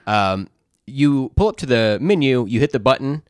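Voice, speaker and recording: Lively, joking male podcast co-host. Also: mid-range voice, normal speed, clean tone, no echo, studio quality. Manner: jokey, rambling with many fillers. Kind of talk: casual chat.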